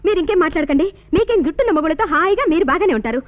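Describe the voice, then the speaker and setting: A quick-tempered young wife, very high-pitched and talking fast with lively swings. The old film sound is muffled, with music behind her. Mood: indignant. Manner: scolding, rapid, dramatic.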